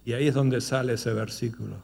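A man's voice: mid-range voice, steady tone, fast, darkish tone. A man preaching, moving from storytelling into emphatic rhetorical questions. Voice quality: gravelly. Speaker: pastor. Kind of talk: sermon.

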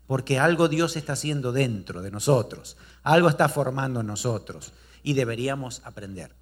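With a mid-range voice at normal speed, a male pastor preaches by telling a story. His delivery is animated, and he puts rhetorical questions to the congregation.

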